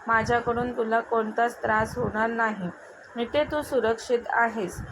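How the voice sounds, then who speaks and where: A woman voicing a stern adult male police officer, speaking firmly and in a measured way. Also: on the high side, steady tone. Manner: firm, measured. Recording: noticeable background noise.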